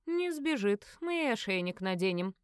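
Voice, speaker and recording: A woman voicing a calm, condescending middle-aged male inquisitor and father in an audiobook, speaking slowly. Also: medium pitch, clear, resonant tone, no room sound, clean studio sound, lightly acted. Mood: smug.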